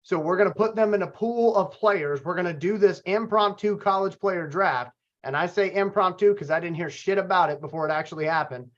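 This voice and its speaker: A man's voice: high-pitched, a little fast, hardly any pauses, muffled recording. A man hosting a casual sports podcast over a video call, opinionated and swearing freely. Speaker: podcast host.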